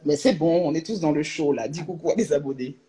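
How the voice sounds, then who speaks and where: A young adult woman chatting casually on a live stream from her room at home, animated and slangy, full of jokes and asides. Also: deep voice, fairly quick, husky, rough recording. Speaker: social media creator on a live stream. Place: at home, in a room with a closed door.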